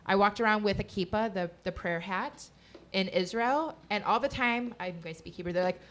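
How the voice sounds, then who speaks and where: A woman's voice: mid-range voice, brisk, fairly bright tone. Candid woman rabbi on a panel. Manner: candid, wry, with fillers. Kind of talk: panel discussion.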